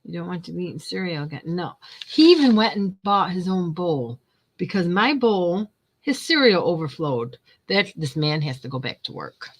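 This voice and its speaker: A woman's voice: on the low side, big pitch swings, moderate pace. An older woman hosting a casual craft livestream, chatting in a rambling way and laughing often. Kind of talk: casual chat while crafting. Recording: noisy home recording.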